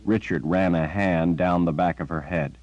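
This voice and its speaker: A man reading a fantasy novel as audiobook narrator, in measured scripted narration. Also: sits low, a little mellow, no room sound, muffled recording.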